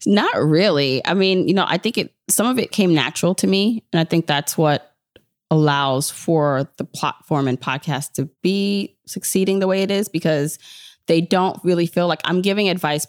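Her deep voice comes through clean and echo-free at studio quality. She's a woman in her 30s, born in Jamaica and brought up in New York, appearing as a podcast guest and running a personal finance podcast of her own. She shares stories in a chatty, informal way, voicing her own inner thoughts.

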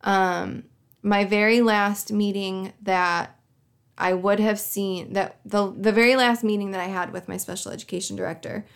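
Sarcastic woman with a gravelly edge. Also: mid-range voice, fairly even intonation, normal speed. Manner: sarcastic, dramatic storytelling. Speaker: podcast host. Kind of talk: casual monologue.

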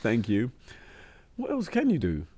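A man's voice: medium pitch, huge pitch swings, a little slow, mellow, husky. A British man co-hosting a podcast with casual comic banter, joking in slangy, sweary language. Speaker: podcast co-host.

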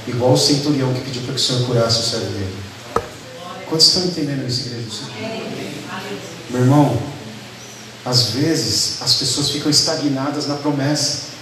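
A man with a Brazilian Portuguese accent preaching a conversational sermon, often asking the congregation for an amen. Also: mid-range voice. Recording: echoey room, mic at a distance, faint background noise.

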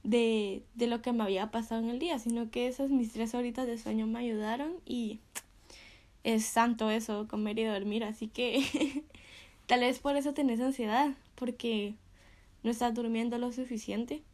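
A woman's voice: a little high, steady tone, normal speed, darkish tone. A young woman sharing a casual devotional talk, chatty and full of fillers, often laughing between phrases.

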